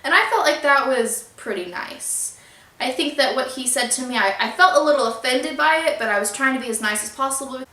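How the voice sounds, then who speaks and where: A young woman tells a storytime vlog in a fairly high voice, earnest and trying to stay polite while upset. The room around her is echoey and bounces her voice back. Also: animated, brisk, bright, forceful tone. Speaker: vlogger. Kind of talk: storytime vlog, reading out emails.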